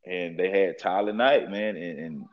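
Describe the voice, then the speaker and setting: A young man who coaches football talks through the interview in a very deep, easygoing voice and keeps circling back to the same stock phrases. The sound is a little dull, like a lo-fi recording. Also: a little slow. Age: young adult. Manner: relaxed, repeats fillers like "at the end of the day". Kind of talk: casual interview.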